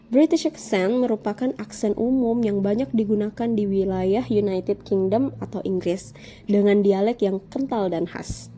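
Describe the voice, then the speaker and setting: A woman lecturer giving a measured, explanatory scripted lesson narration. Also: medium pitch, dark tone, a little hiss or hum.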